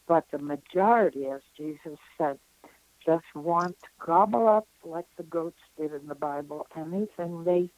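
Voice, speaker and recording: Slow, mellow-voiced woman in her nineties. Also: low voice, no echo, low-quality recording. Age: 90s. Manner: earnest, reflective, with frequent pauses. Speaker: spiritual counselor, guest. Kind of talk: interview, recounting a spiritual experience.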